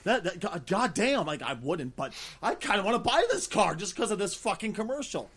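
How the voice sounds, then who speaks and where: A man hosting a casual gaming podcast, talking in an excitable, rambling, profane way. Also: sits high, fairly quick, breathy edge. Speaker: podcast host.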